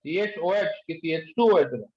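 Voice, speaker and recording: A male chemistry teacher lecturing a class in speech, quizzing students and pushing them to answer quickly. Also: a little high. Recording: echoey room, dull lo-fi sound.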